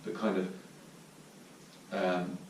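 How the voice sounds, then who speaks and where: A man with an Irish accent giving a reflective dharma talk as a Zen teacher at a retreat, pausing to search for his words. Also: deep voice, flat delivery. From Ireland. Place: meditation hall at a retreat centre. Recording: distant mic in a very echoey room with faint noise.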